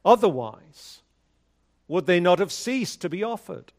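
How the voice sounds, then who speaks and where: Slow, solemn pastor at a pulpit microphone. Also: male voice, high-pitched, very animated. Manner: measured, solemn liturgical delivery. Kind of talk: leading prayer and reading scripture.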